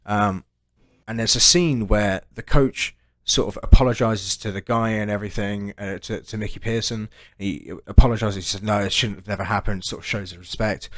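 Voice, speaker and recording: A man's voice: fairly low pitch, steady tone, moderate pace, a bit bright, dry recording. A man co-hosting a casual chat show, telling long rambling stories, swearing freely and ending lines with "right?". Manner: rambling storyteller, tags "right?" onto sentences. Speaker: podcast co-host.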